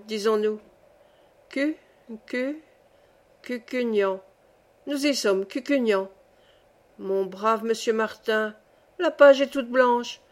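A genial old male saint who keeps heaven's gate, as a woman reader puts him on, fatherly and reassuring in an audiobook tale. His voice sits fairly high, and the words come slowly and unhurriedly.

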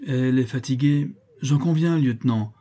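A man voicing a brash, cheeky young French sailor in a read-aloud adventure story, talking in an excited, blustering way. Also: mid-range voice, normal speed, close to an everyday voice. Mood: boisterous.

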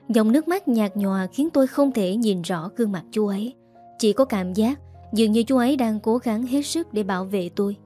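Mellow-voiced woman narrating a story. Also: mid-range voice. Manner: smooth, measured storytelling. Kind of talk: scripted audiobook narration. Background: soft background music.

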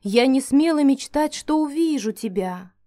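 Woman reading an old grandmother, high, emotional, breathless. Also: animated, a little slow, dark tone, dry recording, studio quality, faint music behind. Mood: overjoyed. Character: anxious loving grandmother, older woman.

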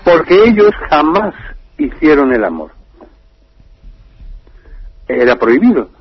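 A radio contributor with a husky voice tells an odd story, building it with jokes and sudden rises in pitch. The dry, muffled sound comes over a narrow line. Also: male voice, slow, no room sound. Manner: animated, joking storyteller.

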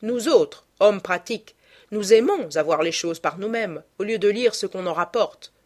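A woman's voice: medium pitch, animated, moderate pace, natural voice. Woman doing a pompous lecturing politician. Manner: lecturing, self-assured. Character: pompous radical male politician, stuffy and earnest.

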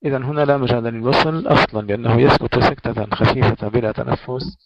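A man's voice: medium pitch, heavy background noise. Man teaching Quran recitation, dull recording. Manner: recites verses slowly, then explains rules in quick plain speech. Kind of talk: tajweed lesson, reciting and explaining.

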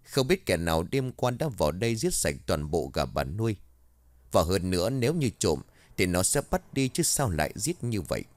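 A man narrating a scripted village ghost story in an expressive storytelling manner. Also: low voice, normal speed, no echo.

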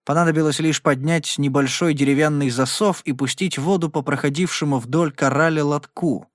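A man in steady scripted narration, reading a Western novel as an audiobook. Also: on the high side, moderate pace, dry recording, studio quality.

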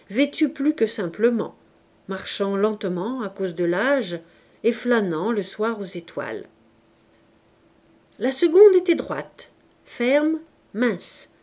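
A woman reading a classic novel aloud as audiobook narration, measured and deliberate. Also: on the high side, mellow. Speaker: audiobook reader.

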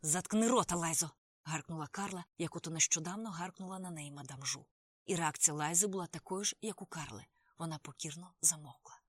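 A woman reading an audiobook, narrating a first-person story in a steady way. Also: sits low, a little fast, breathy edge, no echo. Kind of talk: scripted narration.

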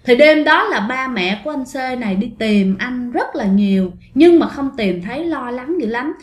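A woman's voice: high voice, lively intonation, normal speed. A woman narrating ghost stories in a chatty, casual way, often speaking straight to her listeners. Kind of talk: casual spoken storytelling. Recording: roomy echo.

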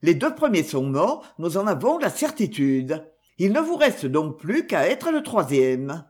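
A man's voice: high-pitched, sing-song, a little slow. A man voicing a suave, ironic male detective in an audiobook reading, speaking in a self-assured, mocking way. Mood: calm ironic.

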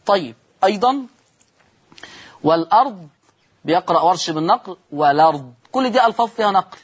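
Husky Egyptian sheikh teaching recitation. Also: male voice, high voice. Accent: Egyptian Arabic. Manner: explains rules step by step, asks and answers his own questions. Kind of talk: televised Quran recitation lesson.

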